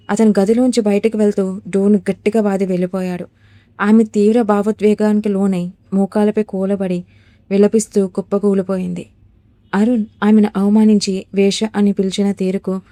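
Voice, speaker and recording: A woman narrates a dramatic story with a steady storytelling delivery. Her voice is warm and mellow, recorded close and dry on a studio mic with no room echo. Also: mid-range voice.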